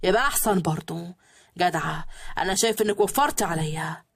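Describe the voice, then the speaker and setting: A woman voicing a cold, sarcastic young husband with an Egyptian accent, curt and gruff. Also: high-pitched, animated, quick pace, a bit bright, no echo, clean studio sound, pitched below the performer's own voice, exaggerated voice. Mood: mocking stern. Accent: Egyptian Arabic.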